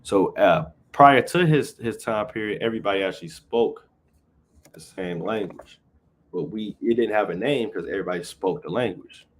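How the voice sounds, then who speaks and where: This man's voice is lowish and moderately paced, with a faint hiss or hum behind it. He's a Bible teacher giving an informal livestream lesson, reading verses and then unpacking them loosely, ending nearly each phrase with "right?"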